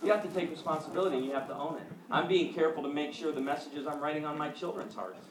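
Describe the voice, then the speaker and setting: A middle-aged man preaches to a congregation, telling stories and acting out the lines of the people in them. His voice sits a little high, and it rings through a large echoey church. He stands away from the mic, and crowd noise is clear under him. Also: fast talker. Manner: animated storytelling, acts out quotes. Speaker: pastor. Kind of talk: sermon with personal stories. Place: church sanctuary. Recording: echoey hall, mic at a distance, audience noise.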